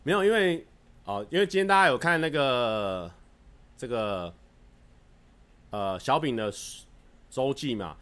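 A man chats casually with his livestream viewers. His pitch sits in a middle range. He tells stories in a lively, joking way and acts out the scenes as he goes. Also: a little slow, long pauses, clean tone. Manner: animated storytelling, acting out scenes; playful, self-mocking humor. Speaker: livestream host. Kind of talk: casual chat with live viewers.

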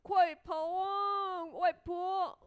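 A cocky little gingerbread man who taunts his chasers in a bouncing sing-song that a woman puts on. His voice is pitched high and sounds dry and close, like a storybook reading. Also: animated, takes it slowly, smooth, no echo. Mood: taunting gleeful. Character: cheeky boastful little male gingerbread cookie.

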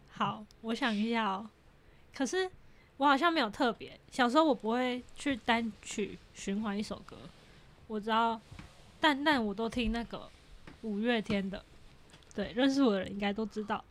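Young woman podcast guest, laughs a lot, teasing, kinda high voice. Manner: giggly and teasing. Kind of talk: casual chat.

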